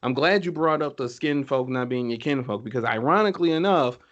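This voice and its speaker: A man's voice: mid-range voice, fairly quick, dull audio. A man co-hosting a casual podcast, talking enthusiastically with many fillers and restarts. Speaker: podcast co-host. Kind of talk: casual chat.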